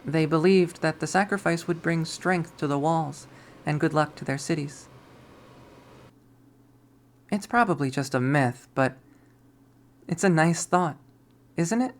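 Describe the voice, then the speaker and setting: A narrator reads a visual novel aloud, quietly and at a measured pace, softly voicing the characters in a medium-pitched voice.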